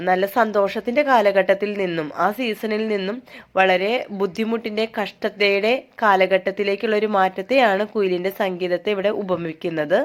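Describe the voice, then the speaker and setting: A woman tutor giving an exam-prep lesson. She reads English notes slowly as if dictating, then explains them quickly in her own words with hesitant fillers. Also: medium pitch.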